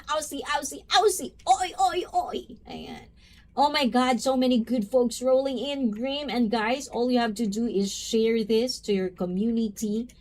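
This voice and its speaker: A woman's voice: mid-range voice, darkish tone. A woman hosting a casual live stream, chatty and full of "you know" and "like", greeting viewers by name. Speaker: livestream host. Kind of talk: casual live-stream chat reading comments.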